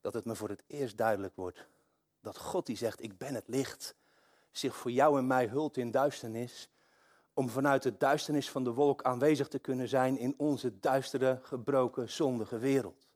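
A male pastor preaches with mounting passion. His delivery moves from quiet, reflective stretches to loud, fervent passages. His voice sits at an ordinary middle pitch. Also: steady tone, moderate pace. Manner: impassioned, swings from hushed to loud. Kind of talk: sermon.

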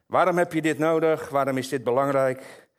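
A man delivers a sermon to his congregation. He reads the scripture passage aloud, then breaks off into lively, explanatory asides. His voice sits at an ordinary middle pitch for a man. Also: moderate pace, clear, resonant tone. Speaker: preacher. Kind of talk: sermon with Bible reading.

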